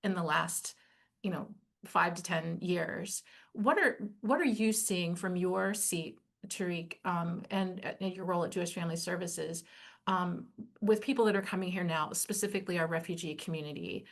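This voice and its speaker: A woman's voice: fairly low pitch, normal speed, gravelly. A woman moderating a webinar, conversational, with many "um" and "you know" fillers.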